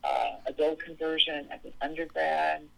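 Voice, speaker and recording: A woman's voice: low voice, little pitch movement, moderate pace, vocal fry, fairly bright tone, poor audio. A woman from Seattle, speaking as an interview guest in an earnest, reflective way. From Seattle, USA. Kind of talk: interview conversation.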